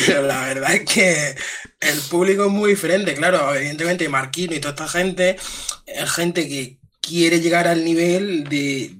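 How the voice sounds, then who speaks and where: A man with an Andalusian accent chats casually on a podcast. His voice sits a little high and rings bright. He jokes around and swears without care. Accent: Andalusian Spanish. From Andalusia, Spain. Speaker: podcast co-host. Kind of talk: casual chat.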